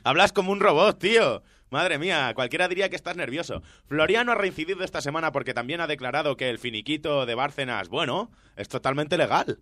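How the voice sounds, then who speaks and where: A man's voice: on the high side, quick pace, hardly any pauses, pushed and bright, no echo, clean studio sound. A man hosting a satirical radio countdown, mocking and sarcastic. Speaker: radio host.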